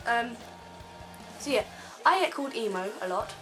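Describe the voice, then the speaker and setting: A woman's voice: a little high, animated, normal speed, music in the background, low-quality recording. A teenage girl ranting casually in a vlog from her bed, rambling with lots of ums. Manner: rambling, filler-heavy, frequent ums. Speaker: vlogger.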